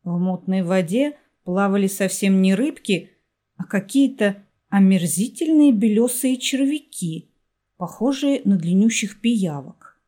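Woman reading an audiobook, really slow, even, warm dark tone. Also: medium pitch. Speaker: audiobook narrator. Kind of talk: scripted narration.

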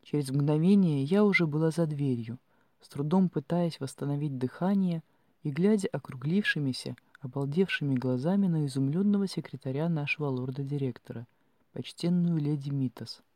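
A man reading a first-person fantasy audiobook in an expressive storytelling manner. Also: a little high, normal speed, a little hiss or hum. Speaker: audiobook narrator. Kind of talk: scripted fiction narration.

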